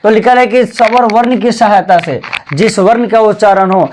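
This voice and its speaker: A man's voice: high voice, moderate pace, a little mellow, slight background noise. A man teaching a Hindi grammar lesson at a board, repeating key points and asking and answering his own questions. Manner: addresses viewers as "bhai" (brother). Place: classroom with a board.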